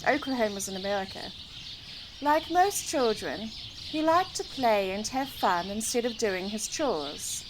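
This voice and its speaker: This is a garden recording of a high-voiced woman narrating a children's storybook at a leisurely pace. Her expressive, lively, varied delivery addresses young listeners, and behind her you can clearly hear birdsong and other outdoor noise.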